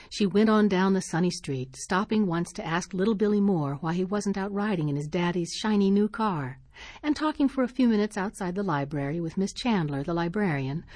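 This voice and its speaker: Breathy woman reading a story aloud. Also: fairly low pitch, warm tone, dry recording, studio quality. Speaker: narrator.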